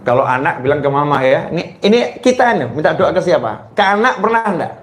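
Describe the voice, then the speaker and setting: Male preacher, teasing question-and-answer delivery, slightly high voice, roomy hall sound. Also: sing-song, a little fast. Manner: playful, teasing the audience with questions; jumps into high squealing mimicry of mothers. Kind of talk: sermon. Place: hall with a live audience.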